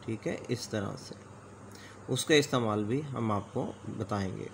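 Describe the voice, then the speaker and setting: A man's voice: fairly low pitch, measured pace, vocal fry, slight background noise. A man teaching the letters of a script, speaking patiently and politely and sounding out each letter aloud for the learner to repeat. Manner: says "ji janab" often, polite. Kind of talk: slow alphabet lesson.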